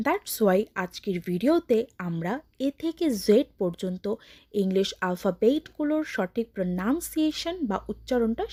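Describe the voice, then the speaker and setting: A woman's voice: medium pitch, darkish tone. A woman with a Bengali accent teaching English pronunciation. She says each letter and example word twice and explains in Bengali. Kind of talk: slow, deliberate pronunciation lesson.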